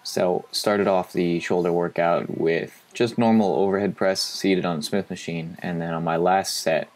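Low-voiced young man narrating a workout. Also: normal speed. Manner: relaxed, explanatory coaching tone. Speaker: fitness vlogger. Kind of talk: casual voice-over narration.

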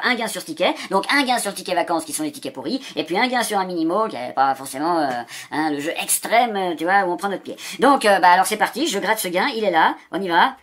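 A man chatters quickly through his own casual commentary, his words tumbling out at a brisk clip. He swears freely and pokes fun at himself as he goes, keeping a loose, offhand tone throughout. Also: sits high, a bit bright. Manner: rapid, chatty, crude swearing, self-mocking. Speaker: vlogger scratching lottery tickets.

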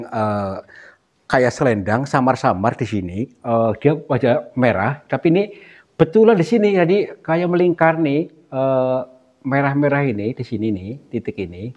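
Hushed man hunting ghosts. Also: mid-range voice, normal speed. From Cilacap, Central Java. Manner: hushed and cautious, talking to an unseen spirit. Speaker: vlog host, ghost hunter. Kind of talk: casual running commentary. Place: inside a cave.

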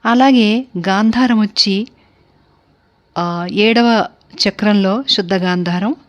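A woman's voice: mid-range voice, slow, dull audio. A woman from India giving a spoken music theory lecture, explaining steadily and listing terms one by one.

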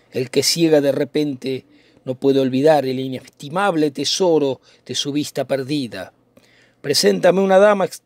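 A brooding, lovesick young nobleman speaks in poetic, declaiming lines, as a man reads the part aloud. The voice sits a little high for a man, close and dry with no room around it. The delivery is theatrical, as in a dramatic reading of a play. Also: dry recording.

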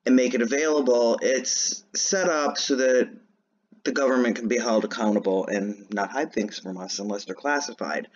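Over dull-sounding audio, a medium-pitched man hosts his channel and walks viewers through a screen share in a loose, chatty way. He rambles, leaning on lots of "um" and "anyways."

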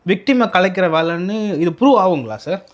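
A male journalist with a Tamil Nadu accent asks challenging questions. He stays courteous and addresses the guest as sir. He speaks quickly, in a slightly raised voice. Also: high voice, very animated, muffled recording. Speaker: interviewer, journalist. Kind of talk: probing interview questions.

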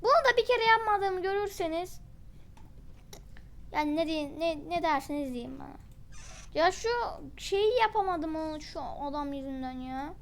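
A woman doing live gameplay commentary as a channel host, quick-tempered and exasperated, in slangy talk aimed straight at her viewers and teammates. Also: extremely high pitch, a little hiss or hum.

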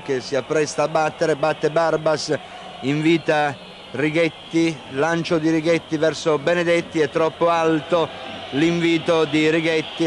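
Even-toned male football commentator, noisy broadcast. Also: fairly high pitch. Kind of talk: live TV football play-by-play commentary. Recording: noisy old 1990 TV broadcast.

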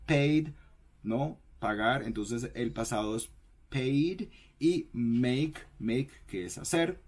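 Husky slow-talking man teaching. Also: medium pitch. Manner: repeats each word, checks in with "ok?". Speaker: English teacher. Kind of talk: bilingual language lesson.

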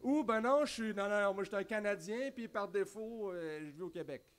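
Here a man in his thirties, a pastor from Quebec, preaches briskly in a high-pitched voice with a Québécois accent. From a wooden pulpit on an indoor church stage, he gestures widely and keeps restarting and adding spoken asides.

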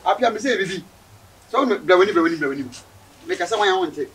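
A man with a West African, Ghanaian accent playing an excitable, argumentative carpenter in a comedy skit, repeating words insistently. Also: sits high, very fast. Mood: complaining. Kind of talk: improvised street comedy skit. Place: outdoors in a residential yard and lane. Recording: distant outdoor camera sound, noisy ambience.

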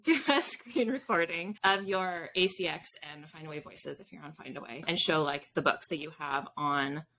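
A woman in her thirties, an author, joins a podcast as a guest over a video call from a small home room lined with bookshelves. Her low voice moves at a moderate pace with few pauses as she explains things in a casual, informal way. The recording is rough, with a crowd and faint noise audible in the background.

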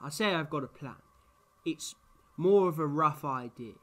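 An actor playing an eccentric, confident time-travelling hero in a sci-fi audio drama, animated and theatrical. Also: male voice, on the high side, close to an everyday voice. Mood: confident, breezy. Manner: animated, theatrical, quick to bluster.

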